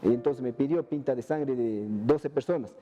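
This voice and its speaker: A man giving documentary testimony about a hospitalized relative, speaking in halting, repetitive phrases. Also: mid-range voice, mellow. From Ecuador. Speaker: victim's relative interviewed. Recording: dull lo-fi audio with faint music.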